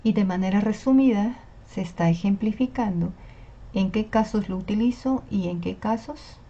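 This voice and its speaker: A mellow, medium-pitched woman speaks at a moderate pace as she lectures an online class about Spanish spelling. The lo-fi recording sounds slightly dull, and she explains patiently while checking in with her students.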